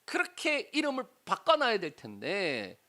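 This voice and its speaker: A middle-aged male pastor preaching a sermon, animated and often prompting the congregation with rhetorical questions. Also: high-pitched, a little slow.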